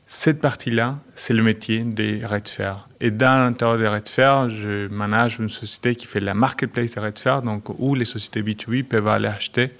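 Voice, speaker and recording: Middle-aged guy, lowish voice, keeps restarting his sentences. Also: steady tone, a bit bright. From Argentina. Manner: halting, frequent restarts and fillers. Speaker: guest, company director. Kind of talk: radio interview.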